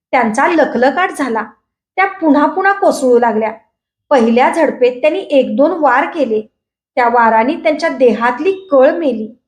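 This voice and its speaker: A woman with a Marathi accent reading a short story aloud, expressive and dramatic. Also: high-pitched. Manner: expressive, raises voice for characters' shouted lines. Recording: roomy echo.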